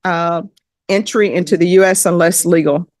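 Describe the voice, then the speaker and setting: A woman's voice: lowish voice, fairly even intonation, darkish tone, no echo. Formal woman judge, dry courtroom sound. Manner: measured, formal reading of legal admonishments.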